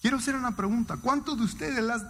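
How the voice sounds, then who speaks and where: A man giving an emotional, emphatic sermon testimony to a congregation, his pitch swinging widely. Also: quick pace, fairly bright tone. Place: church hall. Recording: long church hall reverb.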